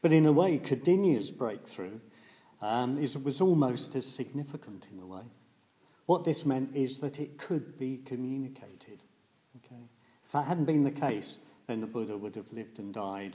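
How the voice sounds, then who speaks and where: A man's voice: mid-range voice, mellow. A man giving a reflective Buddhist dharma talk, hesitant and thoughtful, with many fillers. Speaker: Buddhist teacher.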